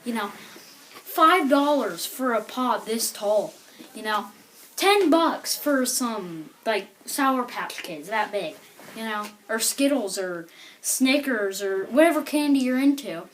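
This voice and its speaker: A woman's voice: fairly high pitch, lively intonation, slow pace, slight background noise. A woman telling a rambling stand-up comedy story, full of filler words like "like" and "you know".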